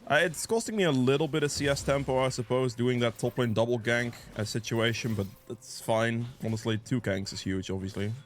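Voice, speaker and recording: A gameplay guide creator gives casual live commentary as he plays, thinking aloud and reacting in the moment while sniffly with a cold. His medium-pitched voice is brisk, with few pauses.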